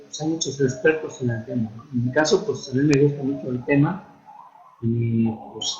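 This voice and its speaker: A man's voice: mid-range voice, darkish tone. Man teaching with hesitant fillers, echoey. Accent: Mexican Spanish. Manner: unhurried, hesitant, many fillers and restarts. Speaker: instructor. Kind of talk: online lecture on writing and spelling. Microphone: computer mic for a virtual classroom. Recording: echoey, dull online-classroom audio.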